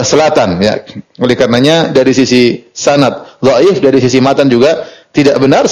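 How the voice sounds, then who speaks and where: A male Islamic preacher giving a storytelling lecture, reading Arabic text and explaining it, lively and chuckling at times. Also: poor audio. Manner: lively, rises in pitch for emphasis and chuckles. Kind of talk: sermon.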